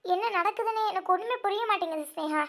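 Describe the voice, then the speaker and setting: A woman voicing a grieving young snake-woman who guards her younger sister, speaking with tearful, halting repeats in an amateur audio drama. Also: extremely high pitch, a bit bright. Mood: troubled.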